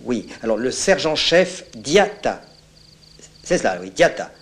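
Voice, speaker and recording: A composed, polite officer; even, mid-range voice. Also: male voice, mid-range voice, slight background noise. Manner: calm, courteous, measured. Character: calm polite male army captain. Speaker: army captain. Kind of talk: film drama acting.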